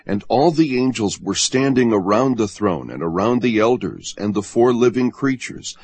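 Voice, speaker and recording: A man giving a measured, solemn scripted reading of scripture. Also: lowish voice, animated, darkish tone, breathy edge, no echo. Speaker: audiobook reader.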